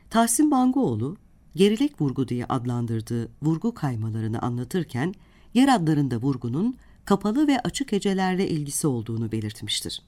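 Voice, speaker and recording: Low, lively-voiced woman teaching on radio. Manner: deliberate, spells out syllables and example words one by one. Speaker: radio host and Turkish language teacher. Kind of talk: scripted radio language lesson.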